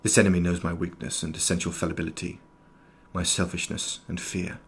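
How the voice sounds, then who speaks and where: In a scripted audio drama of journal narration and dialogue, a man plays an erudite, formal 19th-century doctor who is sharp-eyed yet inwardly fearful. His husky, low voice keeps a level tone at a slightly fast pace, delivering precise, ornate, old-fashioned sentences in a grave, introspective mood. A little hiss or hum is audible.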